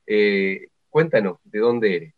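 A man's voice: fairly low pitch, animated, slow pace. A man hosting a university radio interview, upbeat and chatty. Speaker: radio host. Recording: slightly dull lo-fi sound.

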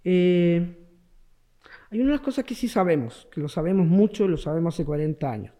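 A Chilean-accented man is the guest expert on a radio and TV broadcast, laying things out emphatically and going back over key words. He sounds high-pitched and mellow, animated, at a moderate pace.

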